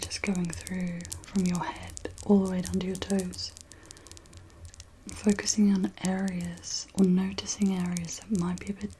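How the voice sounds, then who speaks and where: A woman whispers a gentle pep talk in the style of guided ASMR. Her breathy delivery is very even and unhurried, with reassuring pauses. There is noticeable noise behind her. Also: medium pitch. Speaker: ASMR host guiding relaxation.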